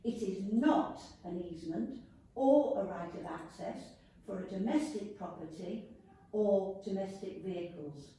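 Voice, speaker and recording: A woman's voice: medium pitch, measured pace, dark tone. A woman speaking with braces on her teeth, reading a formal prepared statement to a committee as a member of the public. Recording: echoey room, distant mic, faint noise.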